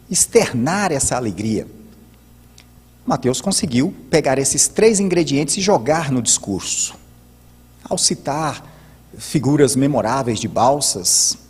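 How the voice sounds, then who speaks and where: Man analyzing speeches, husky, reverberant. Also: medium pitch, a little mellow. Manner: didactic, many hesitant filler restarts. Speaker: host and commentator. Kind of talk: spoken commentary on political speeches. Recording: long hall reverb.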